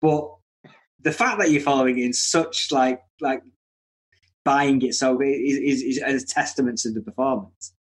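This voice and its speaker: Male co-host with a mid-pitched voice, agreeable and halting in his delivery. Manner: halting, restarts often, agreeable. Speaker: film podcast co-host. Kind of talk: casual film discussion.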